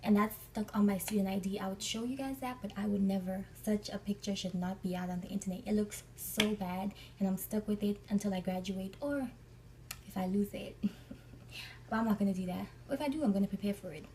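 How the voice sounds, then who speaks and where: A woman's voice: mid-range voice, fairly even intonation, brisk, darkish tone, recorded from a distance, a little hiss or hum, low-quality recording. Chatty young woman telling a story. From Africa. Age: young adult. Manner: chatty, acts out the people she quotes. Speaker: vlogger. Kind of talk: storytime vlog.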